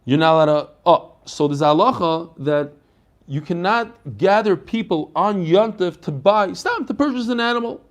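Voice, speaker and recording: A man giving a Talmud lesson as a rabbi, explaining in animated question and answer and mixing in Hebrew and Aramaic phrases. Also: high-pitched, normal speed. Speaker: rabbi teaching a daily Talmud class.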